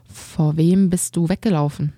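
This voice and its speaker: A woman voicing a gruff, disapproving old male shopkeeper who questions a boy sternly in an audiobook. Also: on the low side, steady tone, normal speed, mellow, dry recording, clean studio sound. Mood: stern, probing. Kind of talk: audiobook character voice.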